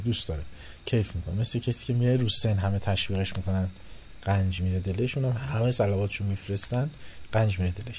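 A man giving a religious philosophy lecture to a class, animated, moving between soft and loud and acting out the people he quotes. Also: fairly low pitch, slight background noise. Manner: animated, shifting loudness, quotes and acts out people.

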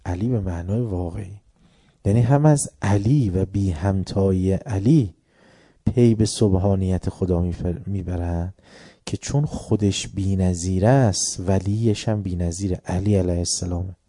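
A man preaching a religious sermon with passion, often swelling loud and then dropping low. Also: fairly even intonation, slightly rough, dry recording, studio quality.

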